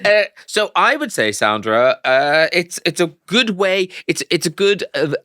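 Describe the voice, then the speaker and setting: A man's voice: high voice, animated, a little slow, pushed and bright, no echo, studio quality. A man co-hosting a casual advice podcast, playful and jokey, laughing often. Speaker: podcast co-host.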